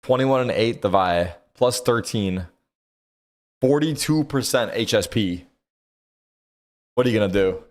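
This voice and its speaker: A man's voice: on the low side, unhurried, pauses often. A man giving casual, slangy, sweary reactions as a co-streamer watching an esports match. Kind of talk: casual chat commentary.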